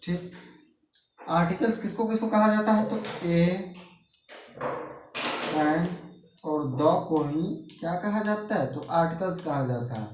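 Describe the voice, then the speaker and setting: A man's voice: on the high side, a little mellow, far from the mic. Man, tutor, repeats each point, answers own questions, faint background hiss. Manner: slow, repetitive, asks rhetorical questions and answers them. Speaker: English grammar teacher. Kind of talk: classroom-style Hindi grammar lesson. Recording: echoey room, voice off-mic with faint noise.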